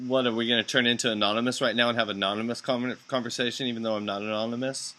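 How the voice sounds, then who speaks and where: Guy hosting a live stream, bright sharp voice, dry skeptical comments. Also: mid-range voice, steady tone, rapid-fire, rough recording. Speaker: show host. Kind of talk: casual chat on a live stream.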